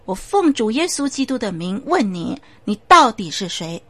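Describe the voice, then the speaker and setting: Woman voicing a calm, stern pastor. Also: medium pitch, normal speed, slightly rough, no room sound. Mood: firm calm. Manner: calm, firm commands. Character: calm, firm male church pastor.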